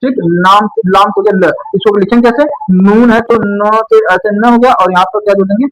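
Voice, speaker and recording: A man teaching how to write a script, explaining step by step and often pausing to check that the learner follows. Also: sits high, fairly bright tone, low-quality recording. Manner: explains slowly, repeats words, checks in with "ठीक है ना".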